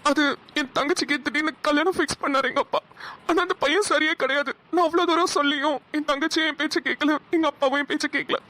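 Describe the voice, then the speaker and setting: A woman's voice: sits high, steady tone, fast talker, sharp tone. A woman voicing a sad, lonely young man who is a caring brother, speaking in a mournful way in a cartoon. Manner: mournful, heavy-hearted delivery. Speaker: cartoon voice actor. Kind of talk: Tamil cartoon dialogue.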